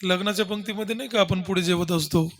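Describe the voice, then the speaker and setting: A man telling a story in a devotional kirtan, animated and addressing the audience. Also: high-pitched, fast talker. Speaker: kirtan preacher.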